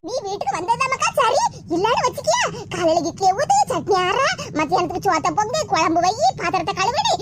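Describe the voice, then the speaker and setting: Woman doing a super high shrill cartoon mom, angry and protective, talk, loud hiss. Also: very animated, brisk, hardly any pauses. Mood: indignant. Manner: scolding, indignant. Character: fierce protective older village mother.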